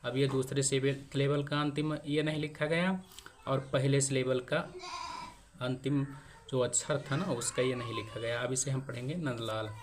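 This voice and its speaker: A man teaching how to spell names in English, explaining step by step as he writes, with pauses while he works. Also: medium pitch, fairly even intonation, slight background noise. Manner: slow, explaining step by step while writing on a board. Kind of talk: spoken lesson on spelling Hindi names in English.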